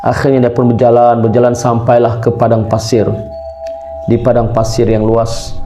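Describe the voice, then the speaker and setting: A man tells a moral tale in a mellow, dark-toned voice. He narrates dramatically, looping back over phrases with a filler "ya". Soft music plays quietly underneath. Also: mid-range voice, completely flat delivery, normal speed. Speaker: storyteller. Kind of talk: religious storytelling narration.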